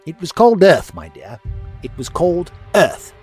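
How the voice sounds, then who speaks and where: An actor playing a storyteller who recounts a dark tale in a measured, theatrical way, as in an audio drama. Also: male voice, on the high side, huge pitch swings. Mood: gentle. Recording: music behind the voice.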